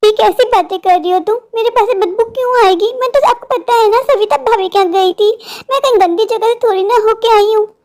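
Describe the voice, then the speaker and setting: A woman plays a naive young woman in a cartoon who frets and rambles to herself. The voice is very high and girlish. She sounds scared and chatty. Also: a little fast, darkish tone. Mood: defensive. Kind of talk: cartoon voice acting.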